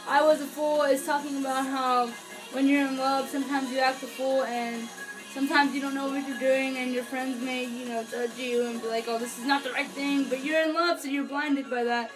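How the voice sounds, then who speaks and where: Recording from a small furnished bedroom, a young woman with a high-pitched voice reviews an album as a fan vlogger, speaking casually and unscripted to a camera or webcam a few feet off. She gushes earnestly, often hesitating and trailing off mid-thought, and the recording is rough.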